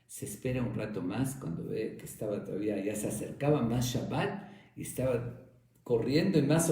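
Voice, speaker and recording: A man teaching a religious lesson through a story, in a warm, conversational storytelling manner. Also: medium pitch, recorded from a distance. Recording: very echoey room.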